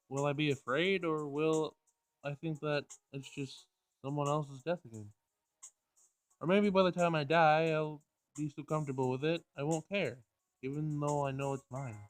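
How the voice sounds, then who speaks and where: The recording is dry, with no room sound, as a man with a higher voice reads a visual novel's text during a Let's Play. He keeps a moderate pace but sometimes trips on words and goes over lines again.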